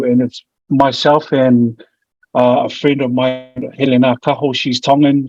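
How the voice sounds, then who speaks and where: A man's voice: medium pitch, darkish tone. A man with a broad New Zealand accent giving an informal, slightly hesitant online presentation. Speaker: presenter, family violence mediator. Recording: muffled, echoey room audio.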